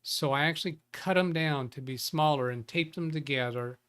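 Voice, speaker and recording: A tech livestream host talks casually at normal speed, his fairly high voice clear, resonant, and fairly bright. He welcomes viewers by name and often begins his sentences again.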